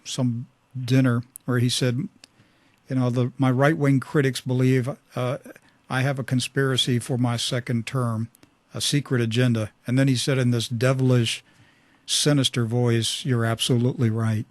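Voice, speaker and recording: A man's voice: medium pitch, little pitch movement, normal speed, no room sound. A man hosting a radio talk show, fervent and emphatic, speaking into a studio microphone.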